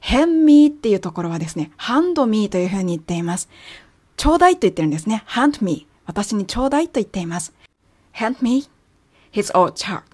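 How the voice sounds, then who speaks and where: A woman teaching English with clear, patient explanations and slow, careful example phrases; Japanese is her first language. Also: mid-range voice, sing-song, darkish tone, no echo. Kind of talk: language lesson narration.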